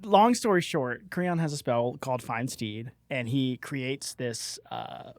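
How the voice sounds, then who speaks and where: A man's voice: mid-range voice, slow pace, dry recording, clean studio sound. A man chatting on a podcast as a guest dungeon master, laughing often and downplaying himself. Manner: laughing often, self-deprecating. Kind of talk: casual podcast chat.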